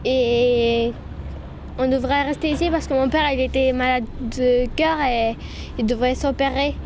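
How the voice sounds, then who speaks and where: High-voiced young girl over traffic. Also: fairly even intonation, unhurried, darkish tone. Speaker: interviewer. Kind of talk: personal account and questions. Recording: street noise.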